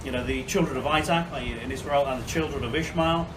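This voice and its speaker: A man from Bangladesh giving a measured video monologue outdoors by the sea, pausing often with fillers. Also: medium pitch. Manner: measured, frequent filler pauses. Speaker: commentator. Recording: distant mic with clear background noise.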